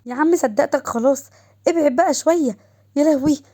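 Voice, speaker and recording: A woman's voice: high-pitched, expressive, rapid-fire, warm tone, voice pushed up. A woman voicing a playful young wife who whines and protests, with an Egyptian accent. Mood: squealing. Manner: squealing, protesting.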